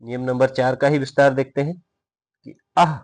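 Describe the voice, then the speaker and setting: A man's voice: mid-range voice, little pitch movement, normal speed. A man teaching grammar in a recorded video lesson, explaining step by step, posing questions and answering them himself, and drawing out example words to show how they are pronounced.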